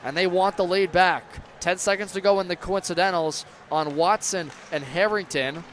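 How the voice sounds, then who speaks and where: A man calls an ice hockey game live, play by play, bursting into excited shouts whenever a big play happens. His voice sits high at a moderate pace, and background noise is clearly audible.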